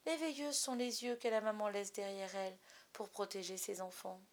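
A woman voicing a gentle, anxious mother who speaks softly and pleadingly, in a storybook reading. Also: medium pitch, fairly even intonation, moderate pace, close to an everyday voice. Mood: tender. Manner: soft, pleading, tender.

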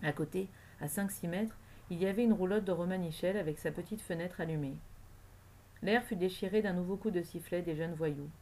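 A woman reading a novel aloud as audiobook narrator, in a steady literary manner. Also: fairly low pitch, brisk, slight background noise. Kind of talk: scripted narration.

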